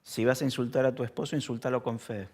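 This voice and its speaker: A man with a Rioplatense Spanish accent preaching a sermon in a church, talking casually, asking the congregation questions and acting out shouted lines. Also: medium pitch, steady tone, fast talker. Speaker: pastor.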